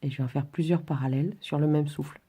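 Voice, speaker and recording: Speaking quickly in a low, steady voice that's dark with a breathy edge, a woman teaches drawing and relaxation in an informal tutorial. She demonstrates while she talks, halting and restarting hesitantly.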